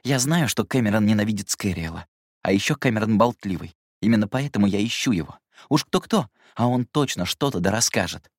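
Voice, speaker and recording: A man's voice: lowish voice, expressive, a little fast, dry recording, clean studio sound. A man voicing a defiant, stubborn young man who answers in a raised, snappy voice. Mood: defiant, agitated.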